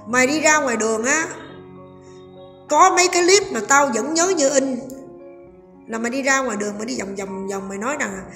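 A woman's voice: sits high, fairly quick, long pauses, a bit bright. A woman giving a sarcastic, scolding commentary and speaking directly to her viewers. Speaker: online commentator. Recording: echoey room with long reverb and faint music.

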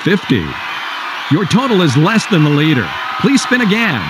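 A man announcing a game show from a script, with an energetic, showy delivery. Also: high voice, moderate pace, noisy background. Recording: loud music behind the voice. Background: loud game show music.

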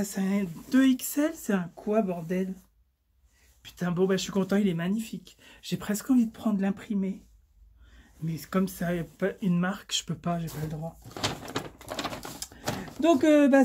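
A woman, chatting in a casual unboxing haul vlog; excitable, swearing often and stumbling over her words. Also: medium pitch, a little hiss or hum. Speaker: vlogger.

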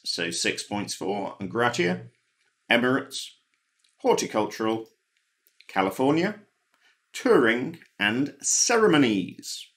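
A man's voice: lowish voice, fairly bright tone. Dry-witted man reading quiz answers. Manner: dry, wry asides. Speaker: quiz host. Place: home, recorded alone.

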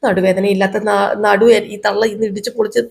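A woman's voice: mid-range voice, little pitch movement, brisk, creaky, close to an everyday voice. A woman voicing a whining young woman who wails and groans about her back. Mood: wailing. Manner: wailing, groaning.

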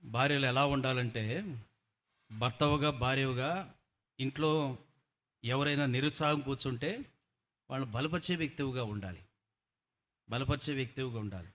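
A pastor preaching a sermon to a congregation, repeating lines and building to fervent peaks. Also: male voice, mid-range voice, moderate pace, long pauses, a bit bright. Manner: repetitive, emphatic, surging to fervent peaks.

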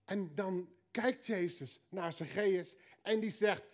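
A man with a Dutch accent preaching a sermon, telling a story with punchy repeated lines and quiet joking asides. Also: high-pitched, slow pace. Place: church hall.

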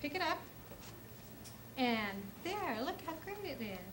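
Very animated and a little slow, a middle-aged woman with a high, slightly bright voice hosts a kids' cooking show, patiently leading a child through a recipe with polite requests. She is in an indoor studio kitchen set, and a little hiss or hum can be heard.

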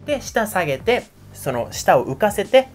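A young man from Japan runs a casual, upbeat pronunciation lesson. He talks with a very lively, up-and-down voice and keeps breaking off to demonstrate sounds. Soft background music plays faintly under his talk. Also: high-pitched, normal speed. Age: 20s. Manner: energetic, chatty, repeatedly demonstrating sounds. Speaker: English pronunciation teacher.

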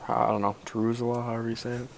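A man's voice: medium pitch, level tone, fast talker, gravelly, distant mic, a little hiss or hum. A young man talking casually on a camp vlog, easygoing and chatty, with many fillers, outdoors at night. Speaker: vlogger.

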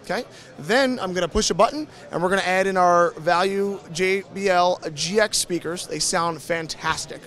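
A man in his thirties with a distinctly high voice. He explains a product in a conversational, enthusiastic sales style, informal and direct, into a handheld microphone at an indoor show booth. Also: moderate pace, a bit bright, faint music behind. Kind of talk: conversational sales demo in an interview. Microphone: handheld interview microphone.

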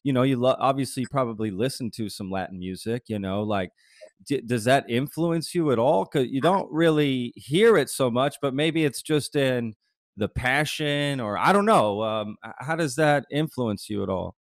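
A podcast host in his thirties, who grew up bilingual with a mother from Mexico City, interviews a guest in a small studio set, speaking into a large mic on a boom arm. His medium-pitched voice moves at a moderate pace in a dry recording. He's casual and enthusiastic, full of fillers and repeatedly saying "that's cool."

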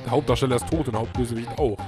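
Man commentating a game, loud music behind. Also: mid-range voice, steady tone, rapid-fire. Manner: casual asides between read lines. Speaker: let's player. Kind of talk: game commentary and read-aloud dialogue. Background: video game music.

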